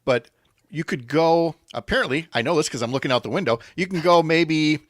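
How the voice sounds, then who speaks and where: A man hosting a talk radio show, joking in lively banter and then reading a sports roundup. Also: fairly high pitch, dry recording, studio quality. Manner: animated, jokey banter with quick excited exclamations. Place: home by a lake window.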